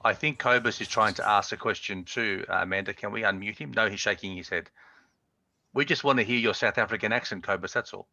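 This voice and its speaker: A man hosts a call in a jovial, rambling way, his talk full of ums and uhs. His voice sits low but sounds bright and forceful, and it is dry and close. The call audio is dull and lo-fi. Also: a little fast, no echo. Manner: rambling, filler-heavy, jovial. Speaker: session host. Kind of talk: hosting a video call Q&A.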